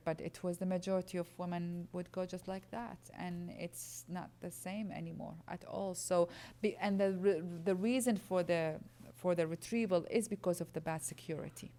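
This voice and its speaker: A woman's voice: lowish voice, warm tone. A woman from Iraq, earnestly explaining as a guest speaker answering audience questions at a lecture.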